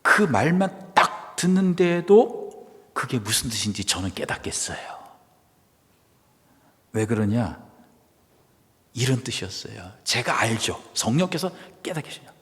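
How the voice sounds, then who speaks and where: A male pastor delivers a sermon with a very lively, sweeping pitch, rising to loud cries and dropping to near whispers. His voice rings out in a church sanctuary with a long reverb tail. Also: unhurried, long pauses. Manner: dramatic shifts from loud exclamation to hushed whisper.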